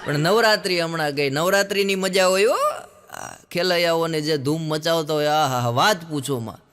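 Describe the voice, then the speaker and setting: A man with a Kathiawari Gujarati accent tells jokes on stage in a high, bright voice. He shifts quickly into the voices of the people in his jokes. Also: clean tone. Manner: lively storyteller, putting on other people's voices. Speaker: stand-up comedian. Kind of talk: Gujarati stand-up joke telling.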